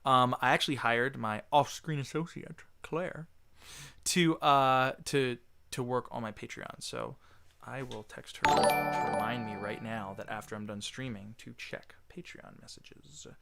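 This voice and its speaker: A man's voice: mid-range voice, steady tone, measured pace, creaky, loud music behind the voice. A man hosting a casual livestream Q&A, chatting loosely and reading viewer messages aloud. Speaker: livestream host answering chat.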